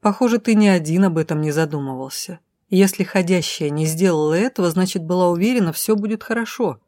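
A woman voicing a possessive male dark elf lord who speaks low and clipped, hissing through his teeth. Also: brisk, no echo, clean studio sound, natural voice. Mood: brooding.

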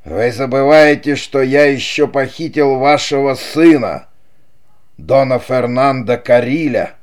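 A man's voice: mid-range voice, darkish tone. A man voicing a vengeful, mocking male chief who taunts his brother in an audiobook, sneering and cruel. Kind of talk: audiobook character reading.

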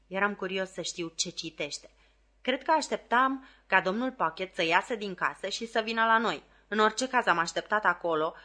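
Bright-voiced woman reading a novel. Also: mid-range voice. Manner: clear, expressive storytelling. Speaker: audiobook reader.

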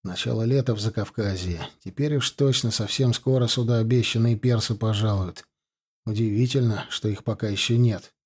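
Man doing a gruff soldier, plain talk, husky, a bit low. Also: normal speed, a little mellow. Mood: grim. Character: resourceful male soldier, gruff.

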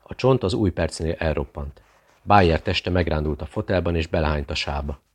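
Deep-voiced male audiobook narrator.

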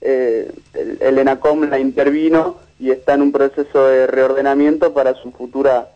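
A man, a media researcher giving a measured, analytical interview with frequent restarts. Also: medium pitch, steady tone, muffled recording.

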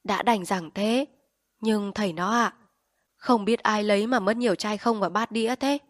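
A practical village wife frets to her husband about the funeral's cost, as a woman reader voices her. The tone is measured and complaining, close to the reader's own voice, and the sound is dry and close. She belongs to a storybook about old village life. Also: medium pitch, no room sound, lightly acted. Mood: fretful.

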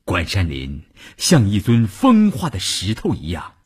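A male radio storyteller reads a novel in a deeply husky, breathy voice, unhurried and measured. His pitch sweeps widely, sinking to hushed whispers and rising again with drama. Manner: highly expressive, dropping to whispers and swelling again.

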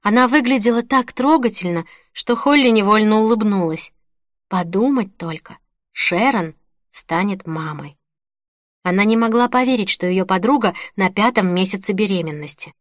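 Woman with calm, measured narration. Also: medium pitch, no room sound, clean studio sound. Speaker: audiobook narrator. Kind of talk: scripted narration.

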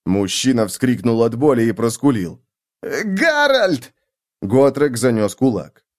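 A man's voice: medium pitch, normal speed, warm tone. A man narrating a fantasy novel as an audiobook, reading expressively and voicing each character.

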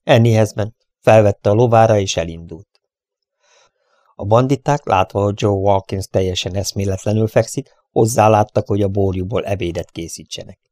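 A man narrating an adventure story in a steady, measured reading voice. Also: fairly low pitch, no room sound, studio quality. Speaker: audiobook reader.

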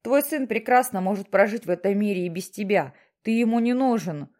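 Woman doing a stern booming voice from the sky, pushy, firing questions. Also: lively intonation, a little fast, a little mellow, lightly acted. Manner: insistent, questioning, lecturing. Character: thunderous mysterious voice from the sky, stern.

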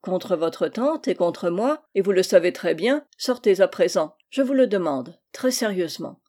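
A frank old family friend, as a woman reader puts him on, speaks bluntly and firmly. The voice stays mellow and unhurried in a storybook reading. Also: medium pitch, lively intonation, close to an everyday voice. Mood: stern. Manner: blunt and stern. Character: frank, gruff but kindly old man.

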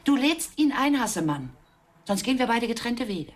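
A woman's voice: mid-range voice, sing-song, normal speed, slightly rough. An actress playing an eccentric, domineering mother in a radio play, demanding and theatrical. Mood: jealous. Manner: dramatic, demanding.

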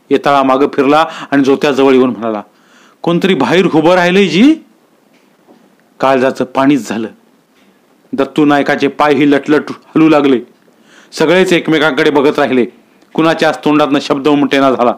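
A man reading a village story aloud in a steady, unhurried storybook manner. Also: medium pitch.

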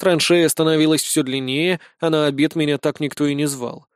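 A man reading a humorous first-person audiobook with a wry, deadpan delivery on a close mic. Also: on the high side, brisk, clear, resonant tone, dry recording. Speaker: audiobook narrator.

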